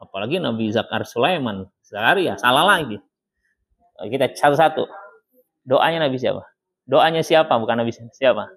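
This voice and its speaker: A man teaching a Quran recitation class in a mosque study circle, explaining plainly, chanting verses in slow melodic recitation and quizzing students by name. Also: medium pitch, expressive, fairly bright tone, slightly rough. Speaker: Islamic teacher.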